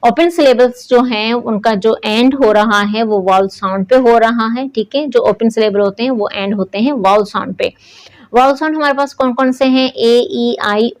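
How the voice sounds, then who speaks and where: Patient woman teacher, slightly high voice. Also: a little mellow, rough recording. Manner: patient, repeats points, often checks in with "ठीक है". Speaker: English teacher. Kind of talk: classroom lesson explaining syllables.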